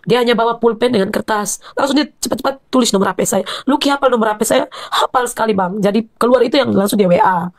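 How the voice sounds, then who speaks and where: A woman's voice: a little high, quick pace, few pauses. A middle-aged woman giving an emotional personal account in an interview, calling herself Mama and often addressing the host as Abang. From Indonesia. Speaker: interview guest, mother of the deceased.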